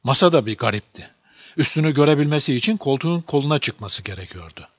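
Man reading a storybook, lively. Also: mid-range voice, fast, no echo. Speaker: audiobook narrator. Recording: dull lo-fi dry recording.

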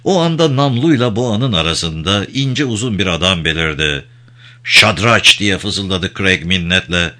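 Guy reading a story out loud, really animated pitch, expressive. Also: moderate pace, hardly any pauses. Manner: expressive reading with dramatic quotes. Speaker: audiobook narrator. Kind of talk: scripted storybook narration.

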